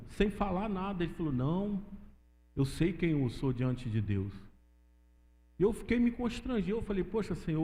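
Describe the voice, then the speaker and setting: A man's voice: sits high, warm tone. A man from Brazil giving a preaching testimony in church, often calling listeners "dear". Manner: addresses listeners as "querido". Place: church sanctuary. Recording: long church-hall reverb.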